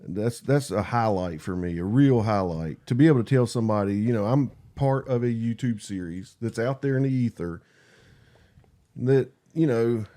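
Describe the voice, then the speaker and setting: A man with a country drawl talks candidly and casually, halting and repeating himself, putting himself down and swearing easily. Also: medium pitch, dark tone. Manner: halting and repetitive, self-deprecating, swears casually. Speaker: podcast guest and YouTube creator.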